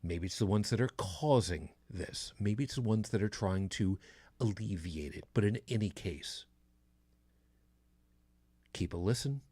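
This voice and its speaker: A podcast host in his fifties chats casually, rambling with lots of fillers and frequent restarts. His low-leaning voice is dark and slightly rough, moving at a measured pace with frequent pauses, and there's no echo.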